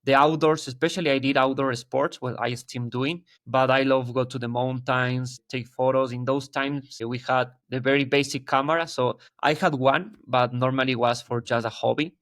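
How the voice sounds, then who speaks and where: A man's voice: mid-range voice, fairly even intonation, moderate pace, few pauses, a bit bright, no echo, studio quality. A man in his thirties from Ecuador with an Ecuadorian Spanish accent, a guest talking in a casual interview, earnest and hunting for his words as he goes. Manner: earnest, searching for words, frequent restarts. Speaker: guest wildlife photographer.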